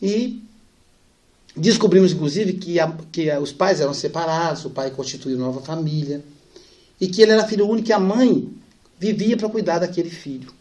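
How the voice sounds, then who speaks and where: A middle-aged man giving a storytelling lecture, acting out dialogue and dropping soft and slow for sad parts. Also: fairly high pitch. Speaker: spiritist speaker.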